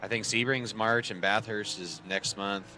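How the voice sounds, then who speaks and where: A man in his thirties with a low, deep voice talks casually to his stream viewers from his home racing rig. His tone is bright and forward, and he rambles through the story with plenty of fillers and dry sarcasm. A faint hum sits behind him. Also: fairly even intonation, normal speed. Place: home sim racing setup.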